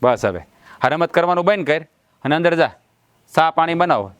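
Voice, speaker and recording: Guy playing a village husband, boastful, smooth voice, fairly high for a man. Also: animated, normal speed, a bit bright, no echo. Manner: boastful, swaggering, blustering. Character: proud blustering village husband, middle-aged.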